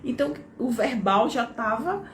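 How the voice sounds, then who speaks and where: A woman's voice: on the high side, animated, a little slow. A woman with a Brazilian Portuguese accent teaching an online course, explaining step by step and often checking in with tag questions. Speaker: course instructor. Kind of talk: online lesson. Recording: echoey room with faint background noise.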